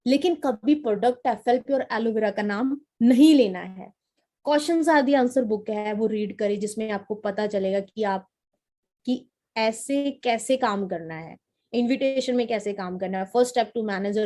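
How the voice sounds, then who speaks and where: High-voiced woman coaching a sales team. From Punjab, India. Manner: coaching, repetitive, lively storytelling. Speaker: network marketing trainer. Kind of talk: training talk to a team.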